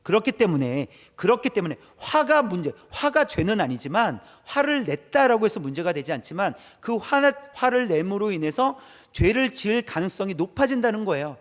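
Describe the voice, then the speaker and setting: Pastor guy preaching, voice kinda high and jumps all over, big echoey church hall. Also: normal speed, few pauses. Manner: animated preaching, reads scripture aloud and acts out quoted voices. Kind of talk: Wednesday evening sermon. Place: church sanctuary.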